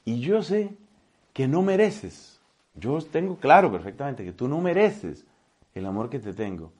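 A man preaching a sermon gives voice to God as a loving, forgiving father, speaking gently and intimately. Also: mid-range voice, very animated, measured pace. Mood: tender.

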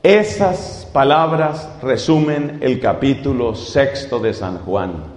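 A man preaching a sermon to a live congregation, emphatic and repeating phrases slowly for effect. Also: mid-range voice, darkish tone. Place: large church hall with audience. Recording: echoey hall with crowd noise.

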